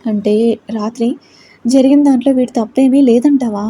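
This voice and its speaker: A woman's voice: fairly high pitch, moderate pace, warm tone, a little hiss or hum, close to an everyday voice, poor audio. A woman voicing an elderly grandmother who talks fondly and asks worried questions. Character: elderly grandmother, fond and fretful.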